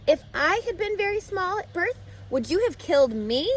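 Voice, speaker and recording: A woman's voice: very high-pitched, very animated, normal speed, slight background noise, voice pushed up. A woman reading aloud, voicing a young farm girl who pleads with passion and tears. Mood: pleading. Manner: pleading, impassioned.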